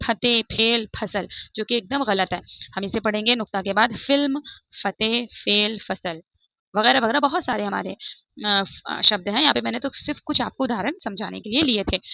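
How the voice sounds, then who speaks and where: A woman teaching a Hindi pronunciation lesson, explaining slowly, repeating example words and asking and answering her own questions. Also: a little high, gravelly, bright, forceful tone, no echo.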